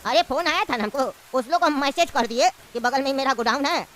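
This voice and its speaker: A woman's voice: sits high, fast, natural voice. A lady voicing a sneaky old cartoon uncle, pushy and sweet-talking, lots of noise behind. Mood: sly. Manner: coaxing, evasive, insistent. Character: scheming old male uncle, tea-maker.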